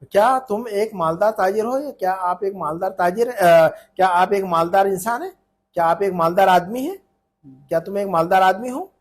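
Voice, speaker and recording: A man teaches Arabic in a relaxed online lesson. His voice sits high and a little husky. He explains patiently, circles back over points and keeps checking in with his student. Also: normal speed. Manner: explains patiently, repeats points, often asks "है ना?".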